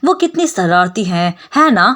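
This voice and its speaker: A woman voicing a clueless young nobleman in a storybook-style recap, reading his lines a little lower than her narration. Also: sing-song, a little slow. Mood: oblivious.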